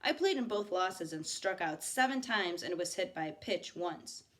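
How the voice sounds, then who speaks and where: Teacher lady reading a book aloud to her class, expressive, stops to chat with the kids. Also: fairly low pitch, normal speed. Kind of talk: reading a novel aloud to students.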